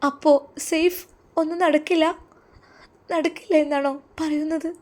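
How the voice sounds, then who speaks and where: Woman doing an eager anxious wife, high pleading voice, keeps pushing. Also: flat delivery, moderate pace, dark tone, close to an everyday voice. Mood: urgent, pleading. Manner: high, urgent, pressing questions.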